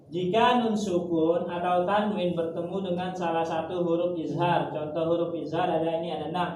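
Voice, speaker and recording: A man teaching Quran recitation in an informal class, patiently repeating rules and slowly chanting drawn-out example words. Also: sits high, fairly even intonation, darkish tone. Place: gathering room with students. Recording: echoey room, far from mic, noisy.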